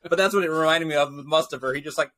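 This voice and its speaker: A man with a slightly higher voice hosts a casual sports podcast. He chats easily, teases his co-host, and keeps the show moving. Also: rapid-fire, fairly bright tone. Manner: chatty, teasing, steers the show. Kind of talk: casual chat.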